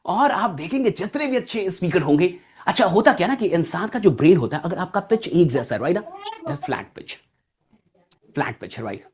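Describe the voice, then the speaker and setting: Male speaking coach from India, motivational lecture, lively delivery with big swings in volume. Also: high voice, a little fast, breathy edge. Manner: animated, swings between loud and soft, keeps asking "right?".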